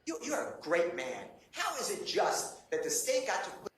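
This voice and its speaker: A man's voice: high-pitched, huge pitch swings, moderate pace, a bit bright, reverberant, slight background noise, rough recording. A man working as a defense attorney, pleading insistently with a judge in a courtroom.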